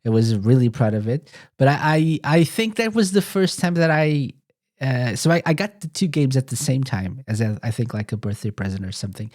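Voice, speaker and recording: This podcast host from Portugal has a mid-range, somewhat mellow voice, talks briskly, and uses lively intonation. He's a rambling storyteller who chats casually and fixes his own words as he goes.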